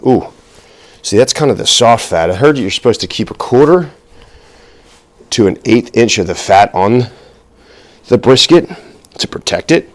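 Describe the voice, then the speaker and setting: A man's voice: medium pitch, expressive, normal speed, pauses often. A middle-aged man hosting a casual cooking vlog, talking while he works, nervous and self-deprecating, rambling with fillers and a little out of breath. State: out of breath at times. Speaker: cooking video host.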